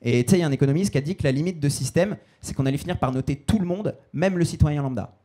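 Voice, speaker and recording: A man's voice: fairly high pitch, racing, mellow. A man in his twenties performing a self-mocking stand-up set on stage, in a casual slangy way. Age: 20s. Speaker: stand-up comedian. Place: stage before a live audience.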